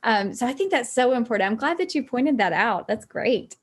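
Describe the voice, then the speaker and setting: Lady doing an interview, bit high voiced, polite n encouraging, chatty questions. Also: expressive, a little fast, breathy edge.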